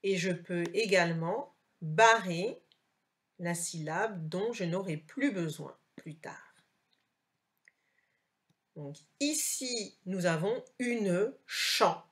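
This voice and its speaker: A woman teacher, recording a slow dictation lesson for a child and carefully articulating each word. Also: on the low side, animated.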